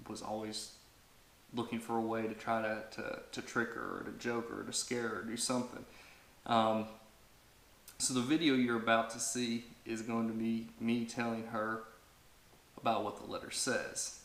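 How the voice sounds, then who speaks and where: A man's voice: medium pitch, level tone, moderate pace, a bit bright, echoey room. A man in his thirties hosting a family vlog, talking casually to camera and rambling with lots of fillers and restarts. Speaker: vlog host.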